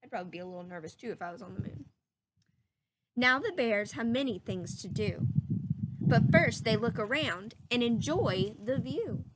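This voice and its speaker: A fairly high-pitched woman gives a lively, teacher-style reading of a children's picture book, drawing words out and pausing to question her young audience. Background noise can be heard.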